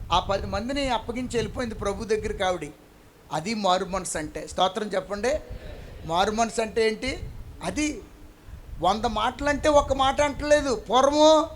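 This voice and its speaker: A man's voice: very high voice, slight background noise. A man preaching a church sermon and acting out the people in his stories. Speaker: pastor. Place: church during an all-night prayer service.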